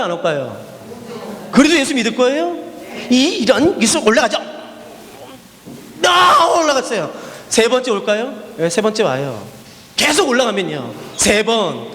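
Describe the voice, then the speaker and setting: A man's voice: very high voice, long reverb tail. A male missionary preacher giving a sermon, telling stories with repeated refrains and questions put to the congregation. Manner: animated storytelling with repeated refrains and rhetorical questions. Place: church hall.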